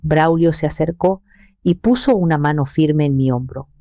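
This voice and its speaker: A woman reading a first-person family drama in an even, cold, controlled way. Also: low voice, moderate pace, dry recording. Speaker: story narrator.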